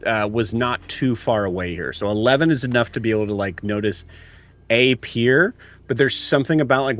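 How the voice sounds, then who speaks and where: A man narrating a tabletop game as game master, casual and halting as he searches for words. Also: mid-range voice, a bit bright. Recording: music playing behind.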